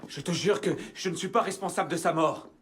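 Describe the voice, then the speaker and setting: A man's voice: on the high side, fairly quick, fairly bright tone, slight background noise, natural voice. Young male assassin, male actor, earnest and pleading, video game dub. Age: young adult. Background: game music.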